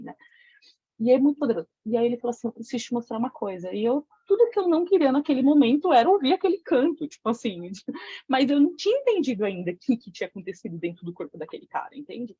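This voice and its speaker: A Brazilian woman leads a women's circle, speaking in a mellow, husky voice and telling a candid story. She talks frankly and profanely, full of slang. The recording is dull and lo-fi. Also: fairly high pitch, no room sound. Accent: Brazilian Portuguese. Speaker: women's tantra circle facilitator. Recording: dull lo-fi sound.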